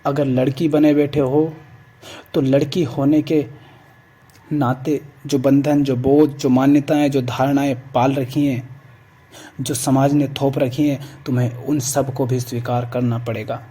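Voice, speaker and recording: A man giving a calm, measured spiritual discourse, urging listeners again and again to let go. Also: medium pitch, slightly rough. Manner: calm, measured preaching with repeated exhortations. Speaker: spiritual speaker.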